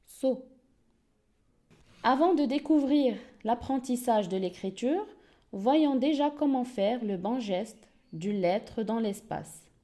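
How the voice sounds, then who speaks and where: A woman teacher leads a beginner reading lesson at a very slow, deliberate pace. Her mellow voice rises and falls in a lively, sing-song way as she repeats each word for the class. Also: a little high. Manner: slow, clear, repeats words for pupils to echo. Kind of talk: early-reading lesson for young learners.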